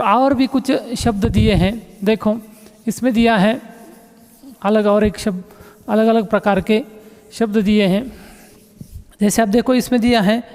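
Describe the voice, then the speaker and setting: A male teacher, giving a recorded class lesson and patiently repeating words as he explains them. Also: high voice. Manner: patient, repeats words and keeps saying "look". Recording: echoey room reverb.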